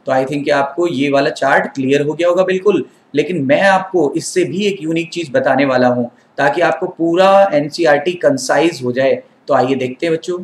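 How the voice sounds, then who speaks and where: An Indian man teaches a biology lecture, asking his class questions and answering them himself. His voice sits a little high for a man, and the room gives it a noticeable echo. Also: moderate pace, hardly any pauses.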